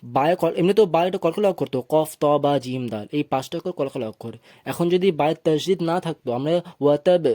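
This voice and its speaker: A man teaches Quran reading with a slightly high, mellow voice. He spells out syllables slowly and patiently, then chants the recited phrases. The sound is dry and close, with no room echo. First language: Bengali. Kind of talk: tajweed lesson, spelling out and reciting verses.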